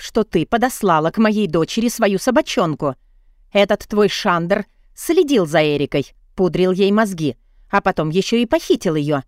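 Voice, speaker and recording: A woman's voice: mid-range voice, no echo, studio quality, lightly acted. Woman voicing a furious, indignant mother. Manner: sharp, indignant. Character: furious, protective mother, accusing.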